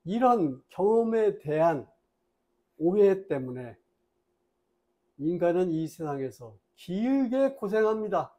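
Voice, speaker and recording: A man giving a Buddhist dharma talk, telling a story in a lively way and acting out the voices in it. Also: sits high, slow pace, long pauses. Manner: lively storyteller, acts out voices in his tales; plain, explanatory lecturing.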